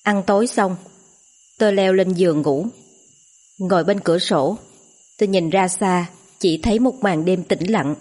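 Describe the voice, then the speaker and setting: A woman narrating a ghost story in a slow, steady reading voice. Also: fairly low pitch.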